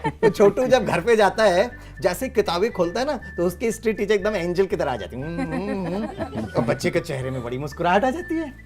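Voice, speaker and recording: Male teacher, animated storyteller for a children's class, wide pitch swings, often chuckling. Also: quick pace, music in the background. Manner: lively, acts out his own lines with big shifts in tone. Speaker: teacher and guest speaker for children.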